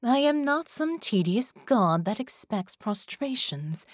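A woman narrator voicing an imperious ancient sea goddess who speaks formally and with slow, measured impatience, in an audiobook. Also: mid-range voice, expressive, warm tone, no room sound, studio quality. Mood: stately. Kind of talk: audiobook character voice.

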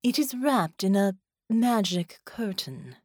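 An imperious ancient sea goddess, voiced by a woman narrator, speaks in slow, formal, deliberate phrases. Her tone is lofty and impatient with groveling. The storybook recording is dry and close. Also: medium pitch, expressive, darkish tone, no room sound, pitched above the performer's own voice. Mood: stately. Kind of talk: audiobook character voice.

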